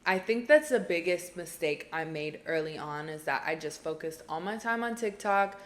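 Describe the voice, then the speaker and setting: A woman's voice: on the low side, normal speed. A young woman in her twenties, talking to camera alone in a small room, giving earnest, chatty advice and repeating phrases for emphasis. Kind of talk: casual advice vlog to camera.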